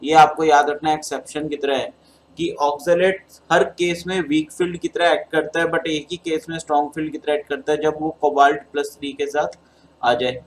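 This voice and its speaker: His voice is a little high and steady in tone, and he moves briskly through a chemistry exam paper step by step. The man has a Hindi accent and a sore throat and calls his students beta as he explains the solutions. The recording quality is low.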